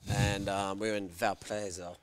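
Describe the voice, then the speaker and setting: A guest with a fairly low voice and moderate pace tells a story casually and with animation. He swears freely and acts out people's voices, including shouted quotes.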